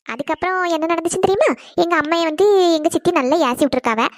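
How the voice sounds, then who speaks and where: An anxious young cartoon wife, as a woman plays her, speaking quickly in a high, clear voice. The recording is dry and close. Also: dry recording. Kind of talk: cartoon voice acting.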